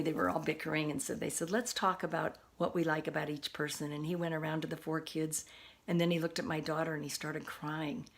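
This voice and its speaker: An older woman giving an earnest, homey talk, working through her points one by one. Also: low-pitched. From United States. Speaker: course instructor. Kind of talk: informal lecture.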